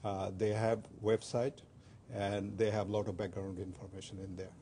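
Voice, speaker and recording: An older Bangladeshi man, a native Bengali speaker, is a guest on a community TV interview, speaking hesitantly with many "uh" fillers and restarts. His fairly low voice is dark and mellow with little pitch movement, and a faint low rumble runs underneath.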